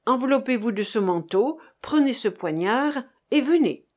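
A woman's voice: fairly high pitch, lively intonation, moderate pace, darkish tone. A woman reading an audiobook, voicing a stern, commanding cloaked man who gives terse orders.

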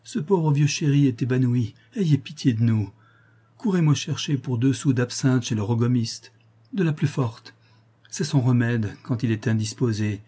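A man voicing an excitable, doting old woman concierge who fusses in a shrill, fretful voice. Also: normal speed, breathy edge, lightly acted. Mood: frantic. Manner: shrill, fretful, fussing endearments.

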